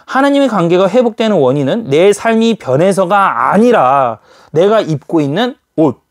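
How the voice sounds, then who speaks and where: A man's voice: sits high, normal speed. A man preaching a sermon in an emphatic way, firing rhetorical questions at his listeners. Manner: animated, emphatic, full of rhetorical questions to the audience.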